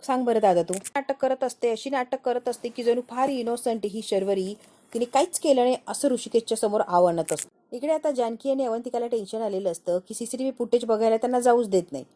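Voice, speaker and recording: A woman who reviews a TV serial, retelling an episode quickly and voicing each character in turn. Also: a little high, dark tone. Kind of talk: episode recap narration.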